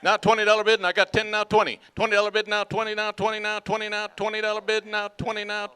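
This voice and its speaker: A man's voice: high-pitched, completely flat delivery, fast talker, bright, forceful tone, smooth. An older man from North Dakota, a student auctioneer calling bids at a live auction in a rhythmic, repetitive chant. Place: live auction event before an audience.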